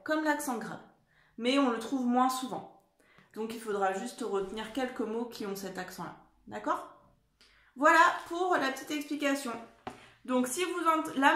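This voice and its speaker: A woman's voice: a little high, a bit bright, reverberant. A woman teaching a spelling lesson to young children, patient and encouraging, often checking in with the class. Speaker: primary school teacher. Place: room at home.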